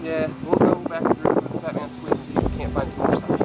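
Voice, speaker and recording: A man's voice: fairly high pitch, fairly even intonation, fairly quick, heavy background noise. A middle-aged man filming a casual travel vlog while hiking among rocks, talking into a handheld camera mic. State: a little out of breath. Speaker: travel vlogger. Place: outdoors among rocks, wind.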